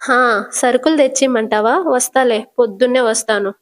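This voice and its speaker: A woman's voice: a little high, moderate pace, lightly acted. A woman voicing a dim, muddled middle-aged aunt who talks offhandedly. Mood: offhand.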